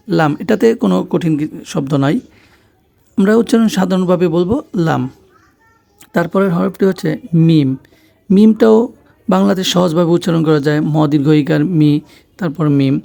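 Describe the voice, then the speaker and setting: High, gravelly male Quran teacher. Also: mellow. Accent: Bangladeshi Bengali. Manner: slow, patient, repeats each sound several times. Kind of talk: pronunciation lesson.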